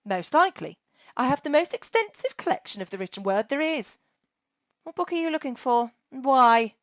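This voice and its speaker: A prickly, ancient she-dragon, voiced by a woman reading a storybook, snapping and scolding in a high, lively voice. She swings up and down in pitch as she huffs at intruders. The sound is close and dry. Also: normal speed, dry recording. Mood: curious. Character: grumpy centuries-old female dragon, bookish hoarder.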